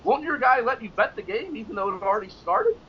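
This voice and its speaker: A slick male phone tout, smooth and always ready with a pitch, played by a man. His voice is raised well above the performer's own. The recording is slightly dull, with faint hiss. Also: sing-song, fast talker, exaggerated voice. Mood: puzzled. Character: quick-talking male phone tout salesman.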